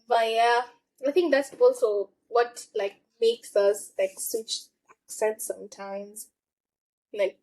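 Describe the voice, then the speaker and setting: A woman's voice: medium pitch, darkish tone, low-quality recording. A young woman with a Kenyan accent chatting casually, full of fillers and frequent laughter. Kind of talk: casual chat.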